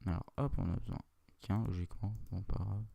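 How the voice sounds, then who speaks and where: A man's voice: deep voice, steady tone, a little fast, vocal fry, noisy background. A man with a French accent giving a casual, rambling game tutorial, correcting himself and chatting in asides. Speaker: Minecraft tutorial youtuber. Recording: audible mouse and keyboard clicks.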